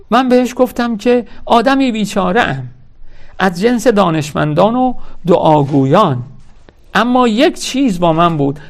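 Man lecturing, high voice, gravelly fry, reads old text then paraphrases it, stresses key words. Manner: addresses listeners directly, stressing key words. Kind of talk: lecture retelling a historical text.

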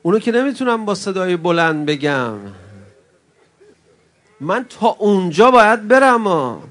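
A man preaching an emotional religious sermon at a mourning gathering. He swings between loud, impassioned cries and soft, intimate words to the crowd, and calls his listeners friends. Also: sits high, very animated.

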